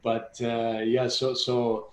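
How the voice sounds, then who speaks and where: Guitarist guest, man around forty from Jordan, loose halting chat, roomy echoey sound. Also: mid-range voice, monotone. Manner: rambling, halting, frequent restarts and laughs. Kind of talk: casual interview chat. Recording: roomy echo.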